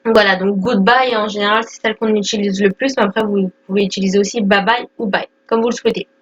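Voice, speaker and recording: A woman's voice: medium pitch, fairly even intonation, fast talker, muffled recording. A woman in her twenties giving a casual spoken lesson, explaining step by step with many fillers and check-ins. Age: 20s. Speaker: English teacher.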